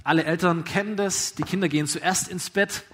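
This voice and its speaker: A preacher giving a sermon live before a congregation, retelling a parable in a conversational storytelling way that asks the audience along. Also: male voice, high-pitched, fairly even intonation, fairly quick.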